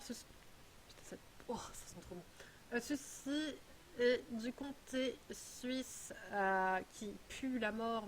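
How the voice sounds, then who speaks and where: A woman's voice: fairly high pitch, slight background noise. A woman vlogger chatting casually while unboxing a parcel, rambling and full of hesitations. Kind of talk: casual chat.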